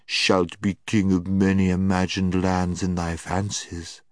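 Man playing storybook witch queen, low, soft and slow, soothing, half-mocking, courtly, close dry recording. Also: lively intonation, no echo. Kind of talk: dramatised storybook reading.

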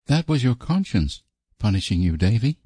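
A man voicing a patient, kindly young woman in a storybook, gently reasoning and soothing as if to a child. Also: fairly low pitch, sing-song, moderate pace, husky, no echo, studio quality, pitched above the performer's own voice. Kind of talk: storybook character voice.

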